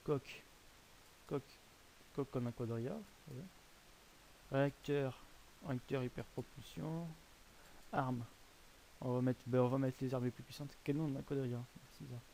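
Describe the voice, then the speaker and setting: Male game host, mellow low-bright voice, casual hesitant commentary with frequent self-corrections. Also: slight background noise. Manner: rambling, hesitant, often corrects himself. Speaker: host presenting a browser game.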